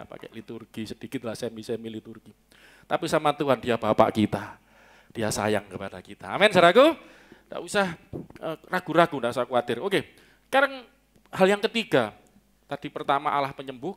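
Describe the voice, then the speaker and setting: A man preaching a sermon in a casual, joking way, breaking now and then into loud, playful mock prayers. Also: medium pitch. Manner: relaxed, joking, mixes in Javanese words and bursts into loud mock prayers. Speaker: pastor. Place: church hall.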